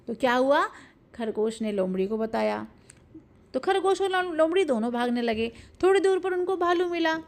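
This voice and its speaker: High-voiced woman telling a children's story. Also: moderate pace. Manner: lively animated storytelling, retelling each part twice. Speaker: teacher.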